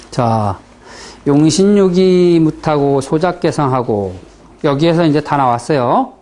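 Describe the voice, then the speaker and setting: This Chungcheong-born teacher gives a classroom fortune-telling lecture in the regional accent, keeping things blunt and folksy and repeatedly tossing out rhetorical check-in questions. The voice sits at medium pitch with a slightly mellow quality.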